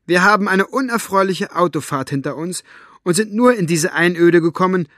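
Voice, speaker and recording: A man voicing Elinor, a gruff, sharp-tongued older woman who scolds and snaps, in an audiobook reading. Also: fairly high pitch, a little fast, dry recording, studio quality, voice pushed up, close to an everyday voice. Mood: indignant. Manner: brusque, scolding.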